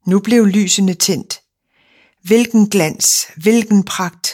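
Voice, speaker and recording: Woman calmly reading a fairy tale. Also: mid-range voice. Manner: calm, measured storytelling. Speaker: narrator.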